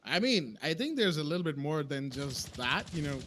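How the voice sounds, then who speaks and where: A man doing play-by-play esports commentary who gets excitable and loud when the action picks up. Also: moderate pace, slight background noise. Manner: excitable, voice jumps high in big plays. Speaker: esports caster.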